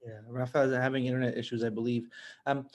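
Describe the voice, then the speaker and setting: A man from Lebanon hosts an online case session over a video call, chatting casually. He sounds upbeat and enthusiastic, with playful bursts of excitement between calmer stretches. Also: mid-range voice, quick pace. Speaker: host.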